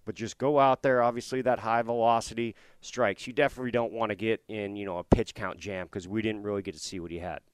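A man's voice: lowish voice, steady tone, quick pace, few pauses, clear, resonant tone, dry recording. A man giving casual baseball analysis as a show analyst.

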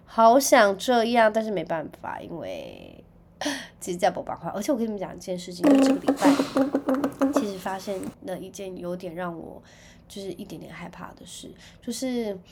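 A young woman with a Taiwanese Mandarin accent hosts a podcast, telling stories in a chatty way with sudden loud outbursts. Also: medium pitch, huge pitch swings, normal speed, very noisy. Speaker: podcast host. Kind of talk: casual chat.

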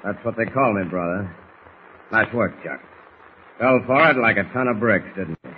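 An actor playing a tough, menacing smuggler boss with sneering gangster talk, in 1940s radio acting style. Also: male voice, fairly low pitch, moderate pace, close to an everyday voice. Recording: dull noisy old radio recording.

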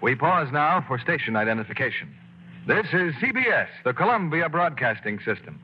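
A man's voice: on the high side, very animated, fairly quick, noisy background. A man working as a radio announcer, giving station identification and reading a commercial in an upbeat salesman's manner. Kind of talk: scripted announcing and commercial read. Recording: dull 1940s radio broadcast.

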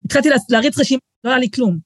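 A high-pitched middle-aged woman, appearing as a guest author, shares animated stories in a casual podcast conversation. She acts out quoted voices and keeps restarting sentences, recorded with studio quality and no room sound.

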